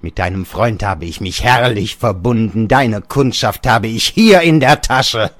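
A man's voice: lowish voice, unhurried, fairly bright tone, no room sound, pitched above the performer's own voice. A man reading an audiobook, voicing an old bedridden father who rants scornfully at his son and keeps raising his voice. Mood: gloating. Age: older. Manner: ranting, raising his voice in bursts.

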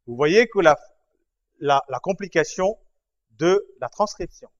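A man teaching a writing lesson, slowly explaining each stroke, repeating himself and checking that his students follow. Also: fairly high pitch, lively intonation. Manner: patient, repeats and checks understanding. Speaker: language teacher. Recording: dull lo-fi recording.

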